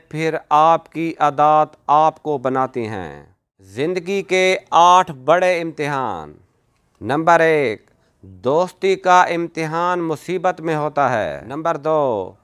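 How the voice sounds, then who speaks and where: A man narrating a script of motivational sayings in a measured, declarative way. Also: on the high side, a bit bright, clear, resonant tone. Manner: measured, declarative delivery of short maxims.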